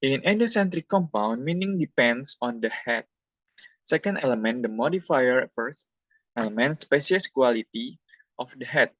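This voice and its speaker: A young man from Indonesia, a university student presenting a class talk from slides in a halting, plain explanatory way. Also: medium pitch, lively intonation, a bit bright, no echo, poor audio.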